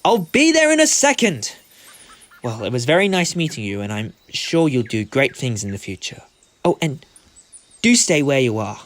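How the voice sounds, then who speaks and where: A man playing the Doctor, a gentle, polite, eccentric time-travelling adventurer in an amateur audio drama. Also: mid-range voice, sing-song, normal speed, lightly acted. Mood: kindly, brisk.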